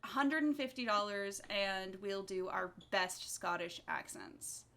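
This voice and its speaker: A woman hosting a charity speedrun livestream, upbeat and brisk as she counts runners in. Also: mid-range voice, animated, vocal fry, fairly bright tone. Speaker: speedathon event host.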